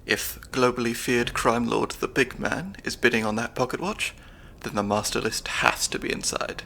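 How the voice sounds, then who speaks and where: A medium-pitched, gravelly male voice at normal speed, with a faint hiss or hum in the recording. The young speaker voices an ASMR roleplay's stand-in spy handler, nerdy and slightly anxious, analytical and soft-spoken with a dry wit.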